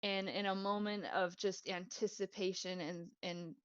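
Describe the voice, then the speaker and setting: Slow-paced woman running a tabletop game. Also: medium pitch, little pitch movement, clean tone, no room sound, highs cut off. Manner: informal, playful, sweary. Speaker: game master. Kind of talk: improvised tabletop game narration.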